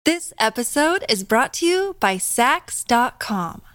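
A woman's voice: a little high, sing-song, takes it slowly, fairly bright tone, no echo, studio quality. A woman reading a polished, upbeat retail advertisement. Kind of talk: ad read.

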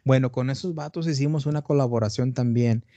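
A northern Mexican man hosts a podcast, chatting casually and rambling on with a steady stream of slang. His voice is mellow and warm, and it sounds close and dry on the mic. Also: medium pitch, brisk, no room sound. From Tamaulipas, northern Mexico. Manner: rambling and animated, slangy, peppers lines with "güey". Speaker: podcast host. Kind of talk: casual chat.

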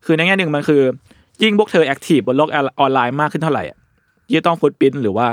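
A man's voice: fairly high pitch, expressive, fast, no echo, clean studio sound. A man hosting a casual podcast discussion, explaining ideas at length with fillers and casual swearing. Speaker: podcast host.

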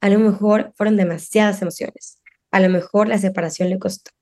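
Animated woman talking about parenting. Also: medium pitch, brisk. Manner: animated, acts out quoted parents and children. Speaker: parenting expert guest. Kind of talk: casual podcast conversation.

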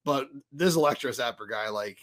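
A man's voice: medium pitch, normal speed, a bit bright. A man co-hosting a fan podcast, talking casually and animatedly, rambling and swearing now and then. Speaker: podcast co-host. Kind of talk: casual chat.

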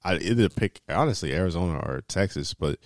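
Man, deep voice, very dry sound, casual host, slangy, rambling, sweary. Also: lively intonation, fairly quick, dry recording. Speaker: podcast host. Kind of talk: casual chat.

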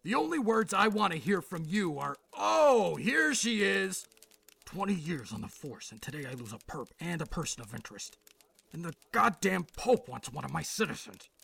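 Casting: raspy, exasperated veteran cop boss, old-time beat-cop bark, high and forceful, audio drama. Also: male voice, big pitch swings, normal speed, exaggerated voice. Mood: furious, exasperated. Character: exasperated, sceptical veteran police boss barking orders. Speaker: police commander.

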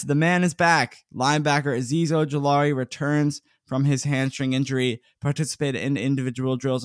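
A man's voice: mid-range voice, dry recording. Casting: male sports podcast co-host, chatty, laughs often, dry close-mic sound. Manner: chatty, laughs often, reads player lists. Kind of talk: casual sports podcast recap.

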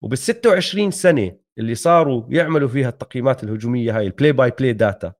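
A man's voice: medium pitch, very fast. A man with a Levantine Arabic accent giving casual basketball analysis, mixing English sports terms into his Arabic. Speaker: sports talk show co-host.

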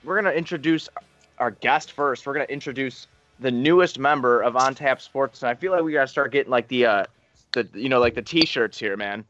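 A man's voice: medium pitch, fairly quick, a bit bright, muffled recording, faint music behind. A man hosting a casual sports podcast in a brash, slangy way. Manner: brash, slangy, heavy swearing. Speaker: podcast host.

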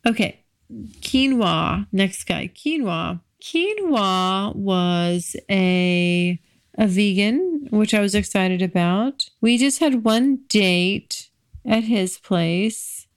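A drowsy woman podcast host talking casually and intimately, in a low-key, unhurried, drawn-out way. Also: animated, no echo. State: sleepy, drowsy. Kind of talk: casual confessional solo podcast talk.

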